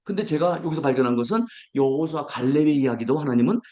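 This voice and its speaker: A male pastor preaching a sermon, acting out everyday complaints with a raised voice and slowing down to recite scripture. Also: fairly high pitch, animated, dark tone.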